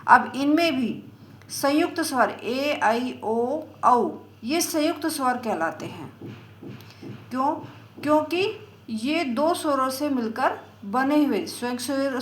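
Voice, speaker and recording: A woman teaching a lesson, explaining step by step in a slow, patient way and drawing out example sounds. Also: sits high, reverberant. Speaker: Sanskrit teacher.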